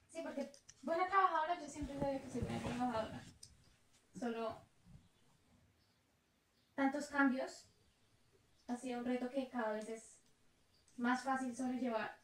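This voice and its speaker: Her voice sits high and a bit bright, a little slow and full of pauses, as this young Colombian Spanish-accented vlogger reflects on travel. It's a casual, chatty talk with easy laughter, captured in an echoey room with faint background noise.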